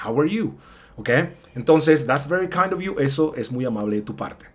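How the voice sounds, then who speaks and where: A man teaching in a casual spoken lesson, slowly stretching out example phrases and acting out short dialogues with shifted voices, checking in often with "ok?". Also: medium pitch, animated. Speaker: English teacher.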